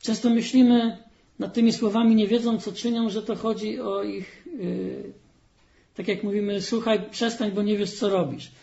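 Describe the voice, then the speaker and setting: A man delivers an earnest sermon in church, reading scripture and pressing hard on the key phrases. His voice sits fairly high. The recording is dull and lo-fi. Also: flat delivery, moderate pace, vocal fry, mellow. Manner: earnest, rising to emphatic stress on key phrases. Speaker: preacher.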